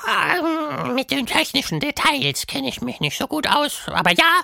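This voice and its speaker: A chaotic, goofy monster with a very high, squeaky voice. He talks in bold, exaggerated swoops for a children's audio story, close and dry. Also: very animated, measured pace, creaky, pushed and bright, dry recording, full character voice. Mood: musing. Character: wild silly male monster, playful and chaotic.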